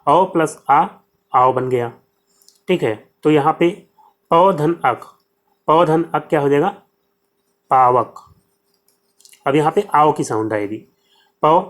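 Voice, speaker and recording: A slightly high-voiced man with a Hindi accent explains exam-prep grammar step by step. He keeps asking questions only to answer them himself, and "ठीक है" comes up frequently.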